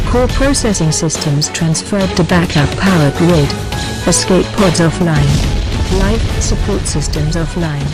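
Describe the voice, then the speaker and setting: A narrator voicing a failing space station computer that glitches into error calls, giving flat, clipped, loud alerts. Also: medium pitch, natural voice. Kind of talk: sci-fi lore narration.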